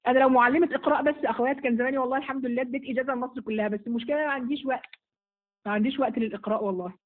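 A woman's voice: sits high, steady tone, racing. A woman with an Egyptian accent, a religious teacher answering viewers' questions in a live session, firm and motherly, blessing each asker by name. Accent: Egyptian Arabic. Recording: phone-like narrow sound.

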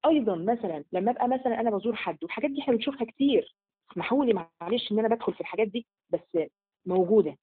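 A woman's voice: a little high, animated, rapid-fire, breathy edge. A woman with an Egyptian Arabic accent giving a religious lesson to women, in colloquial speech that poses rhetorical questions and answers them. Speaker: religious teacher. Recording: phone-like narrow sound.

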